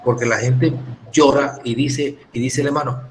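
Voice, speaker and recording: A man gives a classroom lecture in an animated way, firing off rhetorical questions and acting out quoted remarks. His voice sits at an ordinary middle pitch. A faint hum of room noise runs underneath. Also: moderate pace. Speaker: ministry course instructor.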